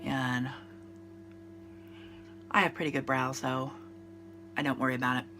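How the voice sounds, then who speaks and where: A woman in her fifties, a beauty vlogger, speaks in a very deep, flat, unhurried voice while chatting through a casual makeup tutorial. Congestion from a cold makes her sound nasal, and she rambles with fillers and restarts. Music plays in the background.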